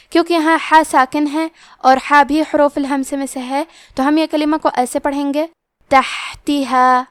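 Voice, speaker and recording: A woman teaching tajweed, explaining pronunciation rules step by step and slowly reciting the words as examples. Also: high-pitched, no echo, studio quality. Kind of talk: tajweed lesson with slow recitation.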